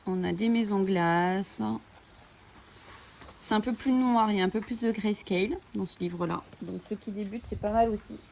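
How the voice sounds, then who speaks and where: Flipping through coloring books for her channel, a woman chats enthusiastically with many fillers. Her voice is medium in pitch, a little mellow, with vocal fry, at a moderate pace. Slight background noise and chirping birds can be heard.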